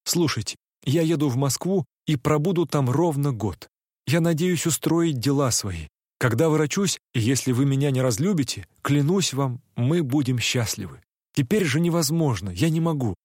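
A man voicing a poor, gentle young man who makes solemn, soft-spoken vows. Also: mid-range voice, dry recording, clean studio sound, close to an everyday voice.

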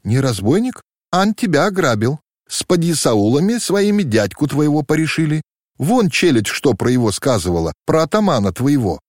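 A man voicing a bold, mocking young servant girl with a quick, teasing folksy way of talking in a storybook reading. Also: medium pitch, big pitch swings, darkish tone, no room sound, clean studio sound, voice pushed up. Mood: sharp.

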